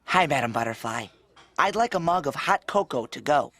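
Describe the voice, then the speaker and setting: An actor voicing a friendly, gentle male octopus who speaks cheerfully and patiently. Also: fairly high pitch, lively intonation, normal speed, heavily acted. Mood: kind. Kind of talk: cartoon voice acting. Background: cartoon music.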